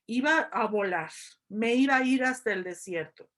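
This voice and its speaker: A middle-aged woman lecturing on scripture, explaining slowly and deliberately over presentation slides. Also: a little high, animated, a bit bright. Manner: slow, deliberate, thoughtful explanation. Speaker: biblical studies lecturer.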